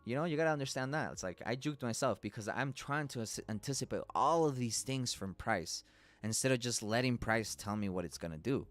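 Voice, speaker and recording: A man's voice: medium pitch, expressive, a little fast, faint music behind. A man hosting a live trading stream, talking loosely and casually through chart analysis, swearing and laughing as he goes.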